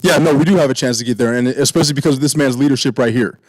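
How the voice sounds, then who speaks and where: A man's voice: mid-range voice, very fast, no echo. A man in his twenties, a college athlete, talking earnestly and casually in an interview, repeating phrases as he goes. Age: 20s. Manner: earnest, repeats phrases, often adds "right?". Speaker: college football player being interviewed.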